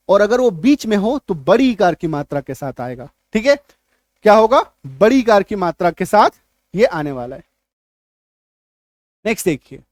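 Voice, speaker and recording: A man's voice: sits high, no room sound, studio quality. Man teaching spelling. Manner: repeats key points as questions and answers them; checks understanding often. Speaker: English teacher. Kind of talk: whiteboard spelling lesson. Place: classroom at a whiteboard.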